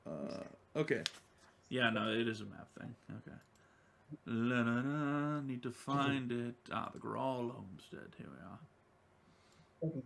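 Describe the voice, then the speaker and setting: A man narrating a tabletop game as game master, rambling and correcting himself as he goes. His voice is gravelly and bright, and he talks slowly. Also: mid-range voice. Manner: rambling, with many ums and self-corrections.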